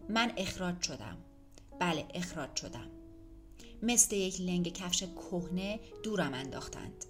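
A woman's voice: fairly low pitch, animated, soft background music, close to an everyday voice. A woman voicing a young man in a suit who was just fired, weary and bitter.

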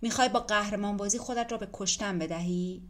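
A woman's voice: medium pitch, close to an everyday voice. Woman voicing a menacing male stranger. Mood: mocking. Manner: pushy, intimidating.

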